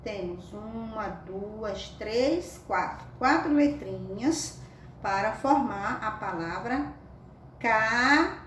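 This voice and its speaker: A woman's voice: mid-range voice, animated, takes it slowly. A woman teaching a reading lesson to young children, with affectionate, sing-song coaxing questions. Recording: echoey room, mic at a distance, faint background noise.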